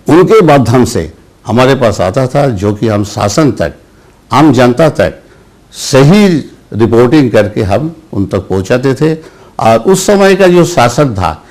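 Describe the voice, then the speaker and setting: An older man, a senior journalist, answering interview questions slowly, with pauses, restarts and repeated words. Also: mid-range voice, darkish tone. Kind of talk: interview answers, recalled anecdotes.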